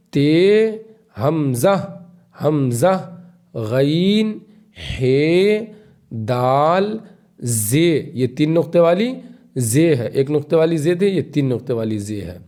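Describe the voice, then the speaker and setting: A man teaching the alphabet in a patient, repetitive way. He recites letter sounds slowly and quizzes the learner as he goes. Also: medium pitch, sing-song, mellow. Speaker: Urdu teacher.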